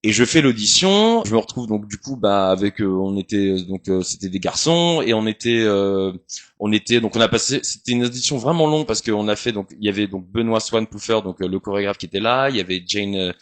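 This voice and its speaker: A man in his thirties with a somewhat low voice tells stories from his stage career as an interview guest. His delivery is chatty and meandering, broken up by frequent pauses and hesitations. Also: animated. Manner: chatty, rambling, hesitant with many fillers. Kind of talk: casual storytelling interview.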